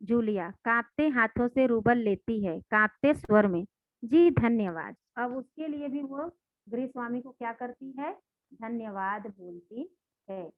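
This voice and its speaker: A woman's voice: a little high, unhurried, dry recording. Woman teacher explaining a story. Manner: retells and explains, asks rhetorical questions. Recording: dry, tinny phone-like sound.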